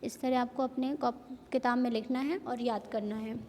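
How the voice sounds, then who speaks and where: A woman teaching a primary school Hindi lesson, slowly spelling out syllables and repeating words. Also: on the high side, steady tone, dark tone, long reverb tail, a little hiss or hum. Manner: slow, repetitive, spells out syllables. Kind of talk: classroom lesson.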